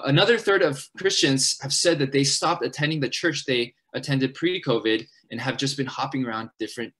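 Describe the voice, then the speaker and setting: Young man, college ministry leader, church seminar talk, hurried and earnest, frequent fillers and restarts, middle pitch. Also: fairly bright tone, husky.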